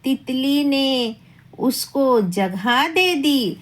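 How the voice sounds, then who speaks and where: A woman's voice: high-pitched, expressive, very slow. A woman telling a children's story, repeating each line and asking her young listeners questions.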